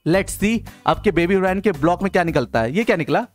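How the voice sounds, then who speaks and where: A young man giving playful gameplay commentary, coaxing and teasing a game companion with quick repeated interjections. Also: high-pitched, lively intonation, soft background music. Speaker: gaming video host.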